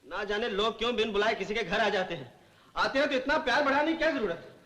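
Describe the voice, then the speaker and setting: A man's voice: high-pitched, fast talker, pushed and bright. An actor playing a proud, stubborn young man who sulks and mocks in a 1970s Hindi film. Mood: sulky. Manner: sarcastic, sulky. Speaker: hotel keeper, big brother.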